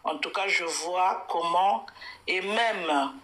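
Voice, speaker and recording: A woman's voice: lowish voice, takes it slowly, fairly bright tone. A woman from Congo-Brazzaville, calling into a live chat as an activist, speaking emphatically with many restarts. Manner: emphatic, repetitive, hesitant restarts. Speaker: caller, activist.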